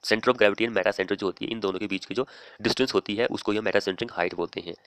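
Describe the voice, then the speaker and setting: A male teacher reading exam questions aloud slowly and explaining each answer in a plain, steady way. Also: lowish voice, a little hiss or hum. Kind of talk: screen-recorded exam lesson.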